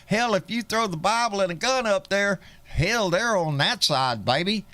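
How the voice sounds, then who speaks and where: Texan host with a country twang, slightly high and dry, swears freely and stumbles over restarts. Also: male voice, expressive, normal speed, sharp tone, no echo. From Texas. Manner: folksy, profane, many restarts. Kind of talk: live political call-in chat.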